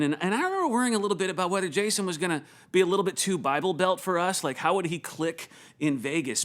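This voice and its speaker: A male pastor delivering a sermon in a storytelling way, often doubling up his words. His voice sits high. The pitch bounces around a lot. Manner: animated storytelling, repeats words.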